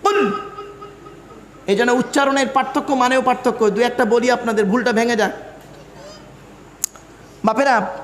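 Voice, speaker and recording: A man's voice: very high-pitched, a bit bright, slight background noise. A man preaching at a large gathering, quizzing his audience and reciting verses in a sing-song tone. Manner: quizzes the crowd with questions. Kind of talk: sermon at a religious gathering. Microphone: microphone over speakers. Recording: echoey hall reverb, faint ambience.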